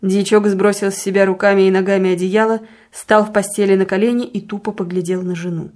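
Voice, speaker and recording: Woman calmly reading a classic story. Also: mid-range voice, brisk. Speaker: audiobook reader. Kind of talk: literary narration.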